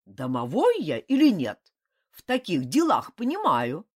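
A woman's voice: lowish voice, wildly swooping pitch, a little slow, darkish tone, husky, no room sound, clean studio sound, heavily acted. Woman playing a crafty, grumbling old house spirit. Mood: grumbling, folksy. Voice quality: rustic village speech, grumbling. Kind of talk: audiobook character voice.

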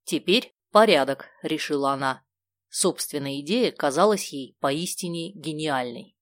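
A woman narrating a children's book in a steady, clear storytelling manner. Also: low-pitched, measured pace, no echo. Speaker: audiobook narrator. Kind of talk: scripted narration.

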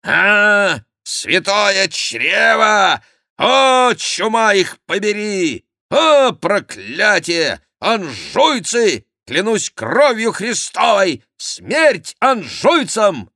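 Dude doing a hotheaded mocking jester, high yelling, dry mic. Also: male voice, lively intonation, dry recording. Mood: raving. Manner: loud, drawn-out oaths. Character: mocking, hot-headed royal jester swordsman.

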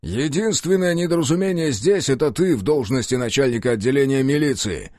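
A gruff middle-aged police chief barks and sneers with sharp scorn, as a male audiobook reader puts him on. His pitch swings widely, and the dry recording carries no room sound. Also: big pitch swings, measured pace, no echo. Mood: furious. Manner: gruff, scathing, shouting in anger.

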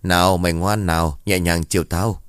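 A man voicing a coarse, drunk young village thug with a husky voice in a spoken story. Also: low-pitched, fairly even intonation, moderate pace, dry recording, studio quality, lightly acted. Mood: leering.

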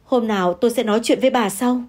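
A woman's voice: on the high side, fast talker, darkish tone, lightly acted. A woman voicing an older husband who talks in a hesitant, flustered way. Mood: hurried. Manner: hesitant, stammering.

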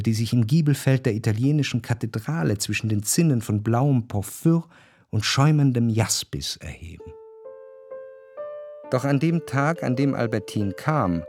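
In a literary radio drama, an actor plays a nostalgic gentleman narrator who recalls his past in contemplative, lyrical, measured phrases. His voice is medium-pitched, and faint instrumental music plays behind him.

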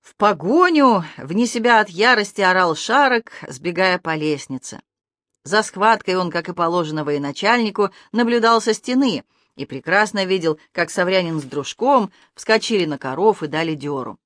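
An audiobook narrator reading a fantasy adventure aloud, lively and expressive, pushing the voice up and louder through the action. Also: mid-range voice, moderate pace, no room sound, studio quality.

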